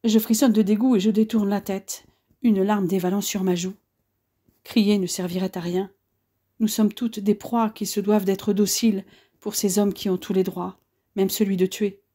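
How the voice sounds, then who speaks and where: A woman narrates a first-person audiobook with a measured, earnest delivery. Her voice is mellow and dark-toned, and her pitch sits in an ordinary middle range. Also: fairly even intonation, husky.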